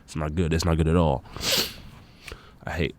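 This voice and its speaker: A man's voice: a bass voice, little pitch movement, normal speed, a little mellow. A young man with a congested, nasal voice, rambling casually and swearing often as he hosts his own podcast. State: congested nose. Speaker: solo podcast host.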